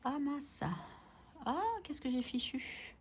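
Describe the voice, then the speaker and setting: A woman's voice: high voice, level tone, slow, a little hiss or hum. A woman vlogging about her budget envelopes, chatting casually and playfully scolding herself as she sorts things. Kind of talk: casual chat while sorting envelopes.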